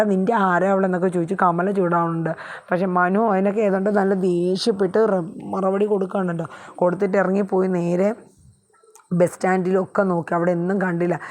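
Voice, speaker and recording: A woman casually retelling a TV serial episode, in a chatty way with frequent filler sounds. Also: on the low side. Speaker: TV serial reviewer.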